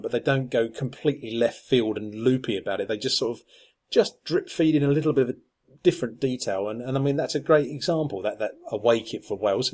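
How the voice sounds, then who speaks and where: In casual podcast chat, a male co-host speaks at a medium pitch with a slightly mellow quality. His talk rambles, peppered with plenty of ums and false starts.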